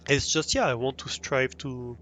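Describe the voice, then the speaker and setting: A man's voice: mid-range voice, moderate pace, a bit bright. A young man with a French accent, streaming a game live and chatting with viewers, hesitant with many fillers and restarts. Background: faint music.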